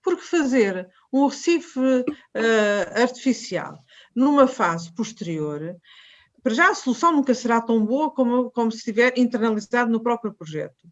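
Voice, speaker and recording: A woman's voice: a little high, expressive, normal speed. A woman in her late fifties with a European Portuguese accent, speaking as a webinar panelist, emphatic and insistent, often restarting her sentences. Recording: muffled video-call audio.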